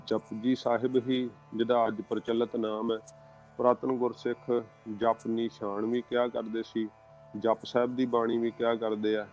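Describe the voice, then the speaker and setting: A man teaches the proper recitation of scripture, speaking slowly and deliberately. His voice stays even and unhurried as he spells out each sound. The recording is a little muffled, with faint instrumental music underneath. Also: mid-range voice. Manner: slow, careful, spells out syllables and pauses. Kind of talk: religious pronunciation lesson.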